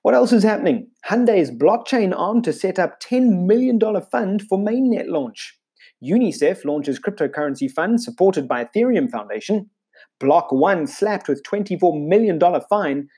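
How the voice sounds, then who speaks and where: A man presenting a scripted weekly crypto news roundup, punching out headlines with brisk emphasis. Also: high voice, breathy edge. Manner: brisk newsreader delivery with lively emphasis on headlines.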